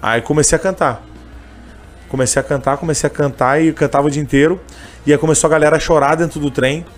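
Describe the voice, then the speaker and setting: A man's voice: a little high, fairly even intonation, fast talker, soft background music. A man telling a personal story in a casual interview, emotional and full of fillers. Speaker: interviewee, candy seller who sings on trains.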